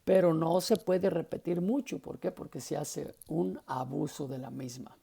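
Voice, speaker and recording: A man's voice: a little high, moderate pace, gravelly, dark tone, slightly rough. A man teaching a class on preaching, explaining patiently and often checking that his students follow. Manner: explanatory, often checks understanding with short questions. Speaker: homiletics teacher.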